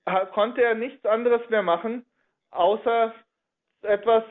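High-voiced man telling a religious story over narrow audio. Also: steady tone. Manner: halting, reworks sentences mid-flow. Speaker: religious speaker. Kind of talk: recounting a religious history story.

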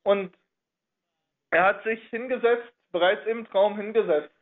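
A man telling a religious history story in a halting way, often reworking his sentences partway through. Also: high-pitched. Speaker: religious speaker. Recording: narrow phone-like audio.

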